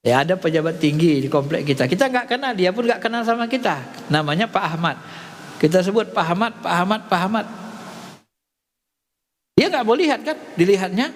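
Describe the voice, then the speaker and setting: A male religious teacher gives a sermon, his voice pitched somewhat high and swinging through lively storytelling. He acts out each exchange, and a long hall reverb hangs behind every phrase. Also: fairly quick. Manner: animated storytelling, acting out dialogue.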